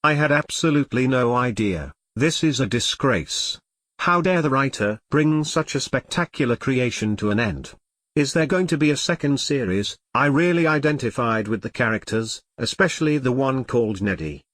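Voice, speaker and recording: This synthetic male text-to-speech voice plays a melodramatic, easily flustered computer that has become an elephant in an audio comedy drama. The medium-pitched, fairly bright delivery is expressive and moderately paced, complaining theatrically in melodramatic dismay. The sound is studio quality, with no room sound.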